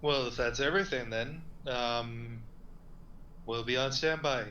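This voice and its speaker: A man takes part in a tabletop role-playing game, speaking for his character with frequent ums and restarts. His voice is bright and forward, with a faint hiss behind it. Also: mid-range voice, unhurried, highs cut off. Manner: hesitant, with fillers and restarts. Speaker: player.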